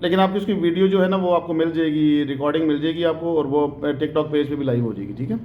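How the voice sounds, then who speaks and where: A man teaching an online group English lesson over a video call, explaining patiently and drawing out letters and words slowly for students to repeat. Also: on the high side, echoey room, dull audio, a little hiss or hum. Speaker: English tutor.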